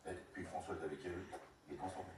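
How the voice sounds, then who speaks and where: An actor plays a jovial middle-aged car dealer who rattles along quickly in a low voice and stammers. The film sound is roomy and distant, with noise behind it. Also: male voice, steady tone, lightly acted. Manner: fast, stammering, chummy.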